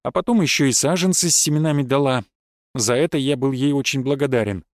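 A man reading a first-person fantasy audiobook in an even storytelling manner. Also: mid-range voice, fast, no echo, studio quality. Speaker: audiobook narrator.

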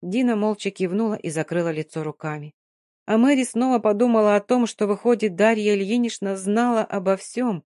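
A woman narrating an audiobook in a steady, measured storytelling voice. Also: mid-range voice, no echo, studio quality. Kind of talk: scripted narration of a novel.

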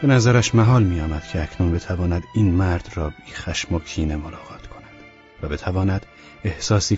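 A man narrating a novel as an audiobook, reading in a measured, even way. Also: low-pitched, lo-fi sound.

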